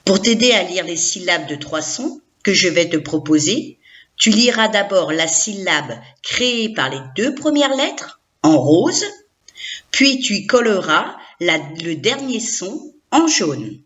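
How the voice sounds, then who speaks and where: A woman's voice: medium pitch, very animated, slow, fairly bright tone, dull audio. A woman teacher giving a recorded reading lesson to young children, sounding out syllables one by one and having the listener repeat them.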